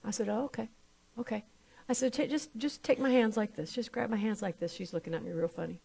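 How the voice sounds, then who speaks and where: Woman minister, sermon testimony, lively retelling of a conversation. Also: medium pitch, quick pace, creaky, breathy edge. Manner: storytelling, acting out both sides of conversations.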